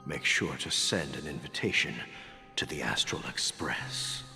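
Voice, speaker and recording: An actor voicing a calm, wistful old man in a game, speaking in an unhurried way. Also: very deep voice, gravelly, full character voice. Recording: game audio with reverb and music.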